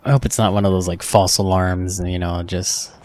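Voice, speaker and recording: A man with a fairly low voice hosts a reaction video. He talks in a loose, chatty way, thinks out loud and laughs often while he comments. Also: level tone, normal speed.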